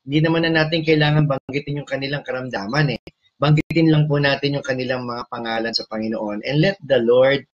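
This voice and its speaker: Loud Filipino preacher, husky lo-fi sound. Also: male voice, mid-range voice. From Philippines. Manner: switches between Tagalog and English, asks the audience questions; loud, emphatic delivery. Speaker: preacher leading online prayer. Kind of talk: sermon and prayer.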